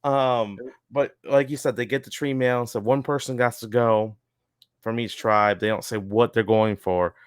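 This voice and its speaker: Male podcast co-host, casual recap chat, filler-heavy; smooth, low voice, dry. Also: steady tone, a little slow, dry recording. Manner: rambling, lots of fillers and chuckles.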